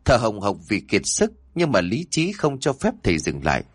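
Man narrating a horror tale, low and lively. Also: moderate pace, slightly rough, dry recording. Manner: suspenseful, expressive narrating. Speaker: storyteller. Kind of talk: dramatic horror story narration.

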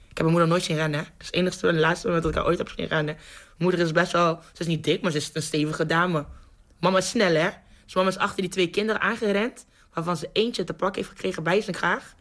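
A young woman, telling a personal story in a radio interview with vivid, animated delivery and frequent restarts. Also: lowish voice. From Netherlands, North Brabant. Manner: lively, vivid storyteller who restarts sentences and acts out scenes.

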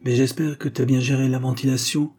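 A man voicing a loud, joking young man who talks in street slang. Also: medium pitch, level tone, a little fast, pitched above the performer's own voice, close to an everyday voice. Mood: teasing.

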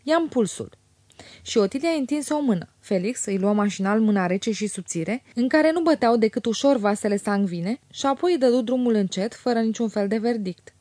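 A woman reading a novel aloud as an audiobook narrator, in a measured storytelling tone at a close studio mic. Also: on the high side, expressive, mellow, dry recording. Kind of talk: scripted literary narration.

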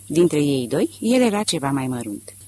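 Expressive male audiobook narrator. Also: on the high side. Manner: expressive, measured reading. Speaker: audiobook reader.

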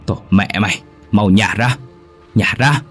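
A man voicing a young man who fights a demon, gruff and cursing. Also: low-pitched, moderate pace, faint music behind, exaggerated voice. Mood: shouting.

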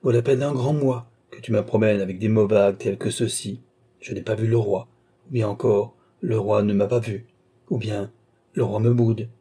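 A man's voice: fairly low pitch, steady tone, moderate pace, warm tone, slightly rough. A man voicing a petulant, anxious old baron who presses a friend with urgent questions. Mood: pressing. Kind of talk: audiobook character reading.

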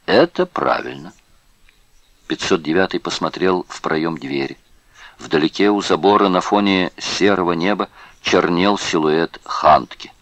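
Male audiobook narrator, very low voice, grave and measured, dry close sound. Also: fairly bright tone, dry recording, dull audio. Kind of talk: scripted narration.

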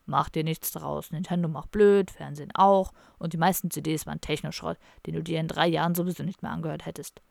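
A woman reading an audiobook, voicing a cynical, hard-drinking young man with a dry, sardonic, low muttered delivery. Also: steady tone, a little fast, vocal fry, hardly any pauses, darkish tone, dry recording.

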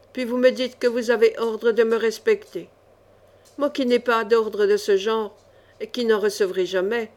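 A woman voicing a cool, ironic young male chevalier in a storybook reading, calm and mocking. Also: a little high, lightly acted.

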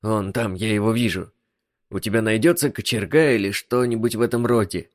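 A man voicing an excitable, brash eccentric male inventor who talks in loud exclamations, in an audiobook. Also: lowish voice, a little fast, no room sound, clean studio sound, natural voice. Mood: excited. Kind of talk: audiobook reading.

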